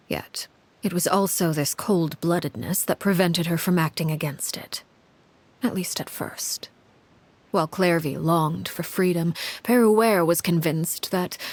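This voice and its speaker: A female voice actor with a fairly low pitch plays a composed, cold, commanding woman recounting a grim past in scripted video game story narration. Her delivery is measured, grave and articulate.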